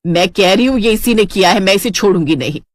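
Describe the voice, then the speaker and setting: A woman voicing a sharp-tongued middle-aged mother-in-law in a storybook tale, scolding and vengeful. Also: medium pitch, expressive, quick pace, no room sound, studio quality, natural voice. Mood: furious. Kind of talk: storybook character voice.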